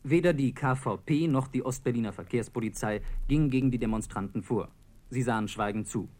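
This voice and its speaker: A man narrating a historical radio documentary in a measured, scripted read. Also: medium pitch, darkish tone.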